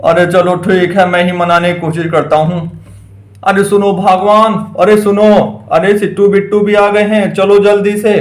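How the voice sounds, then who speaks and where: A man's voice: high voice, little pitch movement, moderate pace, echoey room, natural voice. A man voicing a nervous village father in a toy doll story, fretful and coaxing.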